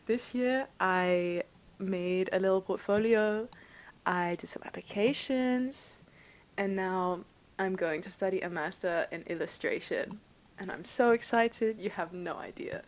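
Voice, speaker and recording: A woman's voice: medium pitch, rough recording. A young woman in her twenties from England, with an English accent that carries a slight Dutch tinge, chatting bubbly and enthusiastically to camera from her bedroom. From United Kingdom. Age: 20s. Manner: bubbly and enthusiastic, laughs often. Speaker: vlogger. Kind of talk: casual talk to camera.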